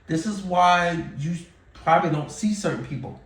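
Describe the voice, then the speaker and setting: A man's voice: high-pitched, moderate pace, far from the mic. A man in his forties giving candid, casual advice to camera, repeating himself and using fillers. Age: 40s. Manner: candid, repetitive, conversational with fillers. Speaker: YouTuber. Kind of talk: casual talking-head advice. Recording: roomy sound, mic set back.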